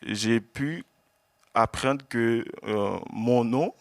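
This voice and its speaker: A man from Haiti, an exiled journalist giving an earnest personal testimony to an audience, often halting and repeating words. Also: medium pitch, no room sound. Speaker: exiled journalist speaking at an event.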